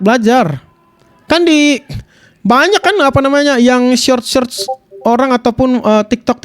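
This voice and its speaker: A man's voice: extremely high pitch, darkish tone. A young man giving a casual live tutorial on video clipping, rambling in slang and reading viewers' questions aloud. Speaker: streamer teaching video clipping.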